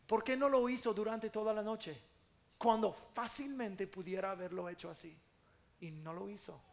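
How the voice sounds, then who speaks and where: A man preaching a sermon with passion, acting out quoted prayers in loud bursts. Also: sits high, steady tone, normal speed, creaky.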